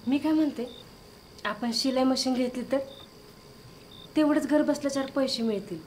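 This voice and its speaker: A woman's voice: sits high, normal speed, darkish tone, a little hiss or hum, lightly acted. An actress playing an anxious woman who is pushed to give false testimony and who hesitantly murmurs her words over and over. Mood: worried. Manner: hesitant, rehearses phrases under her breath. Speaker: reluctant witness. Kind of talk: film drama.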